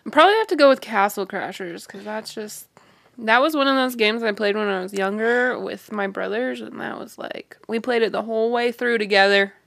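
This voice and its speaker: A relaxed woman talks softly about games, and her voice has a gravelly fry. Her voice sits at a middle pitch, and the recording is dry and close. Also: a little fast, no room sound. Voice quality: creaky. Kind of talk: casual gaming chat.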